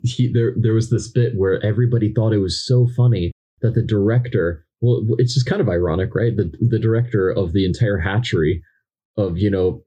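Husky young man with dry sarcasm. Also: fairly low pitch, dark tone. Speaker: podcast co-host. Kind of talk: casual book discussion.

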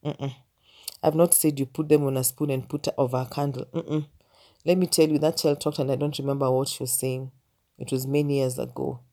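A woman's voice: extremely low pitch, steady tone, a little fast, mellow. A Kenyan woman with a Kenyan accent, a teacher telling a personal story in a casual, humorous vlog and speaking straight to her viewers.

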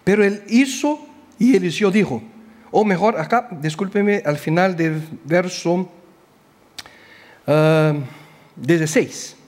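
A man preaching a Bible lesson in Spanish that is not his first language, asking the listeners questions and pausing to search for words. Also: high voice, big-room sound. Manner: animated, asks the audience questions, hesitant with word searches. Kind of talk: sermon, Bible teaching.

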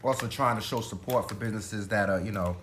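A man's voice: on the low side, fast, fairly bright tone, slight background noise. A young adult man co-hosting a casual food vlog, easygoing and hesitant, with many ums. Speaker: co-host.

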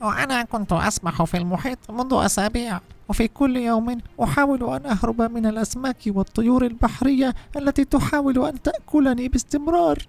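A man voicing a sad, soft-spoken little plastic bottle in a bedtime story. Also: very high voice, fast talker, creaky, few pauses, faint music behind, pitched above the performer's own voice.

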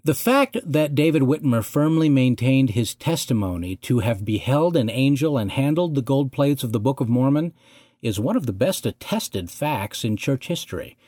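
Dry, measured male history narrator. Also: medium pitch, lively intonation, warm tone, no echo. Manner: measured, deliberate storytelling.

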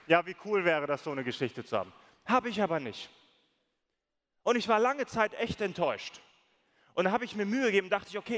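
A man preaching as a pastor, telling stories with lively acted-out quotes. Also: high voice. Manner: storytelling, animated, acts out quoted voices. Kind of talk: sermon. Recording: long reverb of a large hall.

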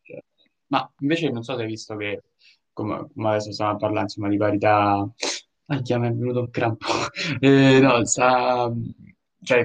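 A young man co-hosting a casual news chat, talking in a loose, digressive way and breaking into laughter now and then. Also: lowish voice. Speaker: co-host.

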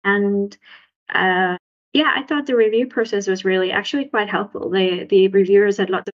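A woman's voice: fairly even intonation, normal speed. A young woman from Sri Lanka, a postdoc researcher, answering interview questions casually with many restarts and fillers. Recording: muffled low-fidelity audio.

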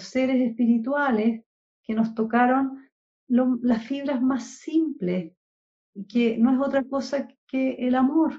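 Reflective, earnest woman guest, slightly high voice, dull lo-fi call sound. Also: a little mellow. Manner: earnest, reflective, spiritual talk. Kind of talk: casual spiritual chat.

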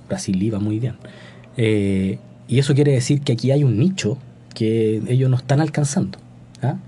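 Chilean man, podcast guest, very mellow dark voice, restarts often, casual chat. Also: mid-range voice, slight background noise. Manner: thoughtful, many restarts and tag questions. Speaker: guest scientist.

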